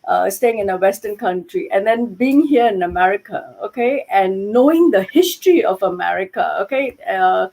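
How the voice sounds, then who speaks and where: A woman's voice: medium pitch, animated, moderate pace, creaky, few pauses, a little mellow, rough recording. A middle-aged woman from Malaysia, a guest on a video-call interview, talking earnestly with many asides, heard through a headset mic. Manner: earnest, many "you know" and "okay" asides. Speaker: guest, yarn dyer. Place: home room with yarn shelves.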